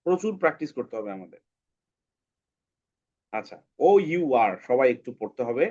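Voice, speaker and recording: A man's voice: medium pitch, lively intonation, moderate pace, a little mellow, highs cut off. A man teaching English phonics, repeating each sound several times for the class. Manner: drills sounds by repeating them many times. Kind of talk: online phonics lesson.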